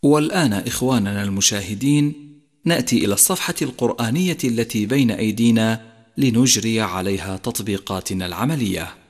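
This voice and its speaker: A man giving a televised lesson on Quran recitation rules, chanting example words slowly and drawn-out. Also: fairly low pitch. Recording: long hall reverb.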